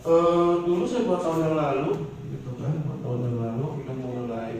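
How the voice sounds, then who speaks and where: A man from Bandung giving testimony in a casual interview, hesitant, repeating words and filling pauses. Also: a little high, gravelly. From Indonesia, Bandung. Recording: roomy echo from far off with faint noise.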